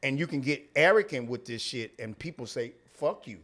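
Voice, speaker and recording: A man's voice: medium pitch, expressive, moderate pace, a bit bright. A man with a St. Louis accent chatting candidly on a podcast as a comedian guest, slangy and profane, repeating phrases for emphasis. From St. Louis, United States. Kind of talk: candid casual podcast chat.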